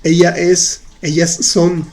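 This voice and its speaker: A man leads a live online lesson, talking slowly and patiently as he repeats each example. His voice sits a little high but has a mellow, soft tone. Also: monotone. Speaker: French teacher. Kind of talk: live online class, answering chat.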